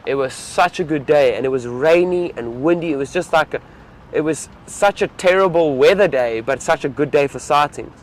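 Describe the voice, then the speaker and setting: A man's voice: a little high, moderate pace. A young man, a safari field guide, chatting casually and enthusiastically to live-stream viewers from an open vehicle outdoors.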